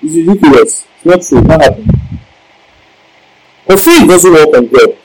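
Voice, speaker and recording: A man's voice: a little high, animated, normal speed, darkish tone, a little hiss or hum, low-quality recording. A male preacher giving a Bible-teaching sermon, emphatic, repeating key lines and asking the congregation questions.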